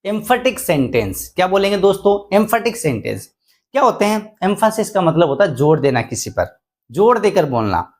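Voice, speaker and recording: A man teaching English grammar online, explaining slowly and repeating key points into a microphone indoors. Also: sits high, very animated, a little mellow. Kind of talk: online grammar lesson in Hindi. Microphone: desk microphone indoors.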